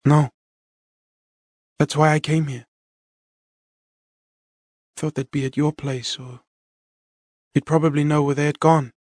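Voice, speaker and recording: A man's voice: a little high, level tone, slow, pauses often, darkish tone, no room sound, clean studio sound. A man voicing a frightened young man who speaks in urgent, pleading bursts in an audiobook.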